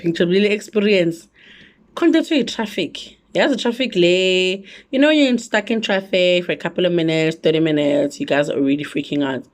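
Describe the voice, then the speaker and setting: A woman from South Africa with a South African accent, telling a travel story in a casual, animated vlog with lots of asides. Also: fairly low pitch. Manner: animated, chatty, full of asides. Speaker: travel vlogger.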